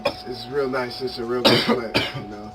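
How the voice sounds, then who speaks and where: A man chatting casually and unscripted in a halting, repetitive, slangy way, broken up by coughing. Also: mid-range voice, steady tone. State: coughing fits from smoking. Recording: distant mic, loud background noise, clicks.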